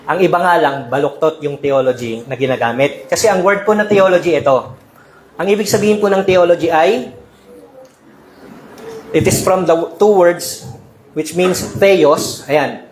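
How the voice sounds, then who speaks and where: A man's voice: a little high, moderate pace, a little hiss or hum. A male pastor preaching a sermon in a conversational way, often checking in with the congregation and mixing in English. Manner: mixes Tagalog and English. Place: church sanctuary. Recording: echoey church hall with faint ambience.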